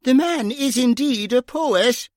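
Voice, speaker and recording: A male narrator voicing a wordy, pompous male detective with a Kerry accent and slow, formal phrasing. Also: very high-pitched, darkish tone, dry recording, clean studio sound, pitched above the performer's own voice. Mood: droll.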